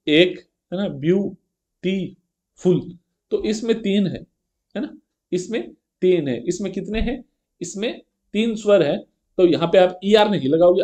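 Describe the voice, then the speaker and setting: Male teacher, fairly high voice, mellow tone, patient step-by-step exam-prep lesson. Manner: explains step by step and keeps checking with a rhetorical "है ना"; reads English example sentences slowly and carefully. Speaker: grammar teacher.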